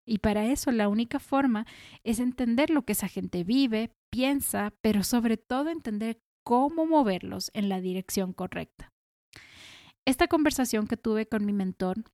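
A woman's voice: medium pitch, dark tone, no room sound, studio quality. A woman in her thirties with a Latin American Spanish accent, hosting a podcast. She reads a reflective monologue and speaks straight to her listeners. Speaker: podcast host.

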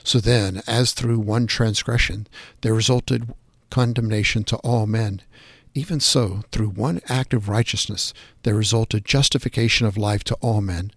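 A man reading scripture passages and prayers aloud in a measured, reverent devotional style. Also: on the low side, steady tone, no echo.

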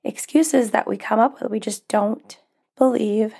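This solo podcast comes from a young female life coach whose voice sits a touch high, mellow, with vocal fry and an unhurried pace. She keeps things casual and encouraging, laughing lightly and using plenty of fillers. Having recently lost her voice, she sounds somewhat strained and could crack.

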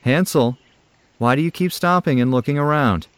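A man voicing a gently firm, concerned father in a storybook reading. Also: on the high side, moderate pace, smooth, dry recording, pitched above the performer's own voice, natural voice.

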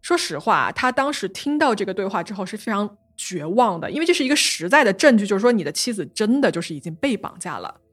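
A woman's voice: mid-range voice, fast, hardly any pauses, breathy edge. A woman hosting a podcast, walking listeners through a true-crime case in a storytelling manner. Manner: lively narration, translating quotes into Chinese. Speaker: podcast host.

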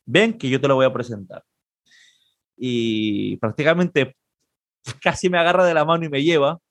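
Guesting on an interview, a trombonist from Peru shares a relaxed anecdote in Peruvian-accented Spanish, raising his voice to play the other people in the story. He speaks in a mid-range voice at a moderate pace, with no room sound.

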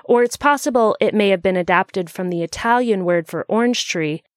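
A woman's voice: mid-range voice, fairly quick, dry recording, studio quality. A woman narrating a scripted explainer in a bookish, conversational way, with wry asides.

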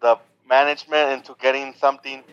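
A man co-hosting a casual sports podcast, relaxed and self-assured, often repeating himself. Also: medium pitch, fast talker, smooth. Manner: relaxed, self-assured, repeats words and says yep a lot. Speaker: podcast co-host. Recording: dull lo-fi sound.

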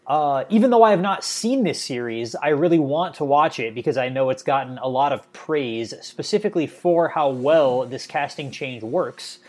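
A man co-hosting a casual podcast, laughing a lot while he explains his picks. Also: medium pitch. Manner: laughs often, relaxed and rambling. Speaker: podcast co-host. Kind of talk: casual chat.

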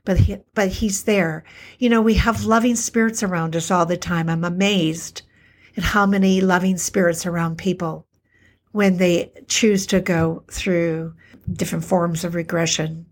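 Slightly hoarse and fairly low-pitched, this podcast host talks solo and reflectively. An alternative health practitioner, she is earnest and slow, going over points repeatedly and easing her pace to stress them.

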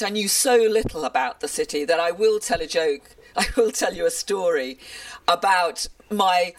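A woman in her sixties from rural Norfolk, a broadcast journalist, recalling her career in a lively, self-deprecating interview. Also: fairly low pitch, no echo. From England, rural Norfolk. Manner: animated storyteller, self-deprecating. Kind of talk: reflective interview answers. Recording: dry but slightly distant mic.

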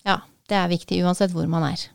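A woman's voice: lowish voice, little pitch movement, vocal fry, smooth, dry recording, clean studio sound. A woman in a casual book talk, speaking thoughtfully with many hesitations.

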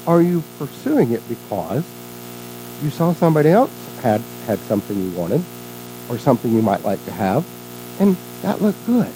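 A minister giving a sermon with expressive storytelling and reflective teaching. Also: medium pitch, moderate pace, noisy background.

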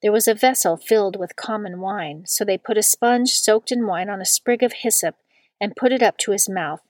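A woman reading a long scripture passage aloud in a measured liturgical style, slowing down on the quoted words. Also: medium pitch, no room sound. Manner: slow and deliberate on quoted words. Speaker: scripture reader.

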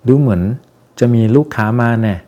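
A man voicing a calm, polite detective in a children's storybook, speaking slowly and courteously. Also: medium pitch, close to an everyday voice. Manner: slow, courteous and unhurried. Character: calm, polite male detective with a keen nose.

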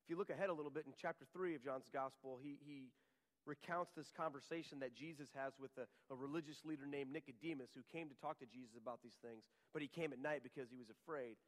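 A man's voice: mid-range voice, fast, in a large hall. A man preaching a sermon as a pastor, earnest, with frequent restarts and repeated words.

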